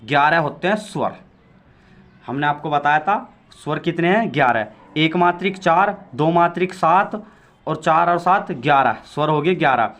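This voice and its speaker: A man's voice: on the high side, lively intonation, moderate pace, fairly bright tone. A man giving a Hindi grammar lesson for exam prep, explaining patiently, repeating points, drawing out sounds and asking quiz-like questions. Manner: talks to viewers directly with quiz-like questions.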